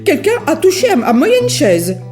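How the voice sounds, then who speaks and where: A woman's voice: very high-pitched, fairly quick, over music, pitched above the performer's own voice. A woman voicing an irritated mother bear who scolds crossly in a storybook reading. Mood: annoyed.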